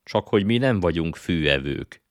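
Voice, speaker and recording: A man's voice: sits low, expressive, no echo, studio quality. A man reading aloud and voicing a hungry young boy who speaks eagerly and now and then complains.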